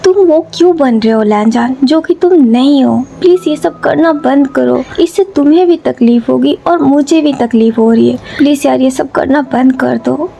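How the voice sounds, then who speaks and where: A woman's voice: sits high, normal speed, vocal fry, few pauses, dark tone, a little hiss or hum. A woman voicing a stubborn, cheerful young man who coaxes and pleads. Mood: pleading. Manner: coaxing, pleading.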